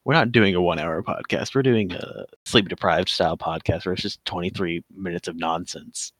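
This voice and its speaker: Young male podcast co-host, low voice, dry close sound, rambling and jokey. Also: moderate pace, fairly bright tone, no echo. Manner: joking, laughs often, rambling. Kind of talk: casual podcast chat.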